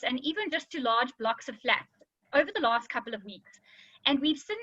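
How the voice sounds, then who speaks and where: Bright-voiced woman lawyer. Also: sits high, no echo, highs cut off. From South Africa. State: slight slur from dental work. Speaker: lawyer presenting a webinar. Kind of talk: webinar presentation.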